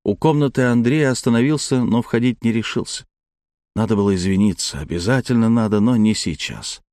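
A man with a mid-range voice reads a scripted audiobook narration in a measured, even storytelling style. The studio recording is clean, with no room sound.

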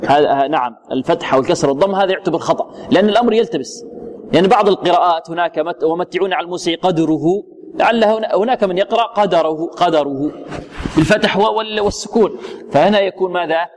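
A man teaching Quran recitation rules, quizzing his students and answering his own questions with halting restarts. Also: high-pitched, long reverb tail. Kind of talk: tajweed lesson with questions to students.

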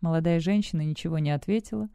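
Mellow woman narrating an audiobook. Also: sits low, quick pace, clean tone, dry recording, clean studio sound.

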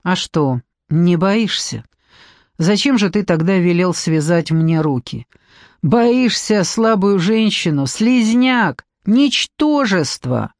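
A woman's voice: fairly low pitch, lively intonation, takes it slowly, darkish tone, no room sound, studio quality. A woman reading an audiobook, voicing a defiant young former nanny who speaks with scorn.

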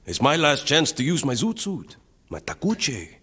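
A man's voice: a little high, wildly swooping pitch, normal speed, sharp tone, husky, exaggerated voice. An actor playing a proud, defiant young pachuco man with a Mexican-American accent. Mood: affectionate, eager. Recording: reverberant hall.

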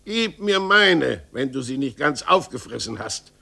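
A man voicing a gruff, grumbling old male carpenter in a radio story reading. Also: mid-range voice, big pitch swings, slow pace, bright, forceful tone, exaggerated voice.

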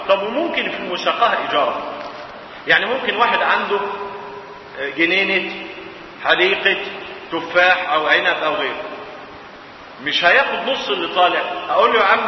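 Egyptian male professor, high voice, rhetorical questions to students, recorded from far off in a booming hall. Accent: Egyptian Arabic. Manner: asks rhetorical questions and answers them himself. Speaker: Islamic jurisprudence professor. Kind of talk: colloquial classroom lecture. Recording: echoey hall, far mic, dull, hiss.

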